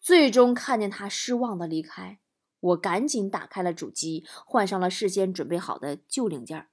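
A woman talk show host, telling comic stories in a lively, teasing way and acting out the people she quotes. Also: on the low side, moderate pace, husky. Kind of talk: comic storytelling monologue.

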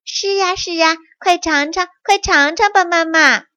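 A woman's voice: very high-pitched, lively intonation, a little slow, sharp tone, no echo, pitched above the performer's own voice, exaggerated voice. A woman doing chirpy little mouse brothers. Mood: excited. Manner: chirpy, singsong. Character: young male mouse siblings, eager and cheerful. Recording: dry, slightly muffled.

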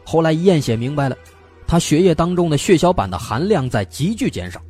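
A man's voice: a little high, very animated, a little fast, a little mellow, slightly rough, faint music behind. A man hosting a mystery story show, telling it in a chatty, suspense-building way with lots of filler particles. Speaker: storyteller host. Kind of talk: casual spoken storytelling of an unsolved mystery.

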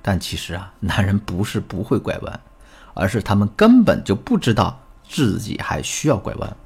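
Husky low-voiced man teaching a lesson. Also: moderate pace, faint music behind. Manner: animated storyteller, tutoring tone. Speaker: relationship coach. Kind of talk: recorded lesson with storytelling.

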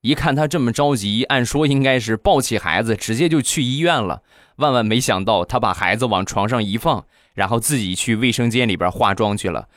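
A man, hosting a podcast and telling comic stories in a chatty, relaxed way. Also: medium pitch, a little fast, no room sound, studio quality. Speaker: podcast host. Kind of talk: comic storytelling.

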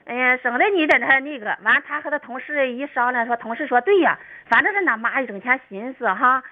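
A middle-aged woman with a Dalian accent rambles through her story and laughs often. Her voice sits high. The sound is dull and lo-fi. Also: expressive, a little fast. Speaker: call-in guest. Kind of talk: chatty storytelling.

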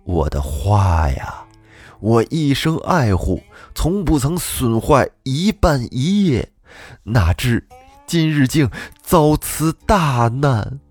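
A man voicing a gentle old male gardener who mourns his ruined flowers, speaking slowly and mournfully. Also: medium pitch, very animated, dry recording, soft background music. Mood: grieving. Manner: mournful, slow, quavering.

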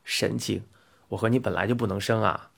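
A man reading an audiobook, voicing a bashful, prickly young man in a soft, low, half-whispered way. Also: steady tone, fairly quick, gravelly, breathy edge, exaggerated voice. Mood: hushed protest.

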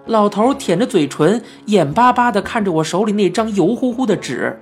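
Lively children's story narrator over soft music. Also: medium pitch, moderate pace. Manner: lively, expressive storytelling in a child's first-person voice. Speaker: audiobook narrator. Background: faint background music.

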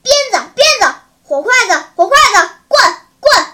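A narrator voicing a cruel middle-aged militia captain who interrogates and threatens a boy, switching between cold menace and raging shouts. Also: extremely high pitch, normal speed.

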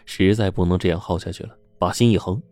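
Low mellow guy telling a spooky story, dry close sound, faint music under it. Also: quick pace, no echo. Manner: steady, suspenseful telling. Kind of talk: scripted story narration.

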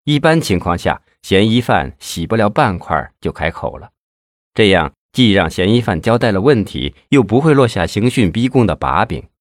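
A man narrating a crime novel in a lively storytelling manner. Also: lowish voice, normal speed, no echo, clean studio sound. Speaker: audiobook narrator. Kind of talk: scripted narration.

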